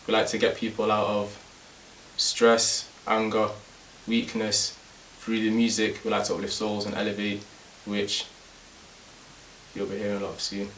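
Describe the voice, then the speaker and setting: Male rapper, flat, low-pitched, echoey room with a distant mic. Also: normal speed, long pauses. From Manchester, England. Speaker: hip-hop artist. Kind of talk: documentary interview. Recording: echoey room, far mic, faint hiss.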